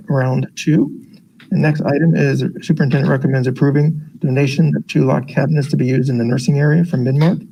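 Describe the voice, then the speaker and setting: A man's voice: medium pitch, gravelly, warm tone, breathy edge. An American man talking through a face mask, formally reading agenda items aloud as he chairs a board meeting. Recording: noisy meeting room recording.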